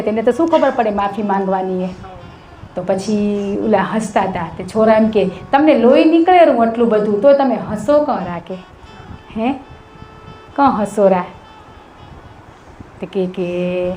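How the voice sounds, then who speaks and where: A woman gives a devotional sermon in a conversational storytelling style. Her voice sits at a middle pitch and echoes around the room, with soft music playing behind her. She keeps checking in with her listeners as she talks. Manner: conversational, often asks listeners "hem?". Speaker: satsang speaker.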